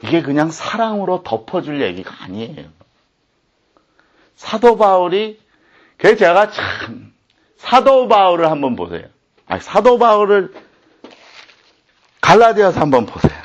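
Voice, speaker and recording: A man's voice: high voice, very animated, measured pace, pauses often, highs cut off. A man preaching a sermon as pastor, speaking in an indignant, impassioned way.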